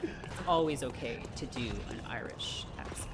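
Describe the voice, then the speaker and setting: A woman's voice: extremely low pitch, lively intonation, moderate pace, very noisy. A woman playing a game on a live stream, chatting casually and swearing at what happens on screen.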